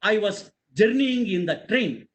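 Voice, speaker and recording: An Indian man with a high-pitched voice delivers a motivational talk with strong feeling. He leans on repeated phrases and presses his points with emphasis. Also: lively intonation, measured pace. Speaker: webinar speaker.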